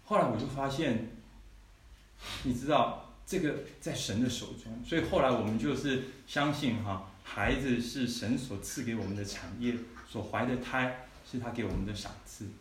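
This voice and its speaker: A man's voice: mid-range voice, moderate pace. A man preaching a testimony in a conversational storytelling way, often turning to the listeners with asides. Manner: conversational storytelling, frequent "you know" asides. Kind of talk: sermon testimony. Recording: echoey hall, mic at a distance, faint noise.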